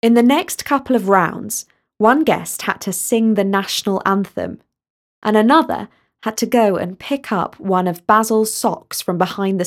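A woman narrating a storybook in a measured, expressive way. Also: medium pitch.

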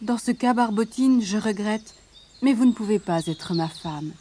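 A gallant young storybook prince speaks with measured, formal courtesy, as a woman reads him. The voice stays close to her own, lively in pitch. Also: a little hiss or hum, lightly acted. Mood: regretful.

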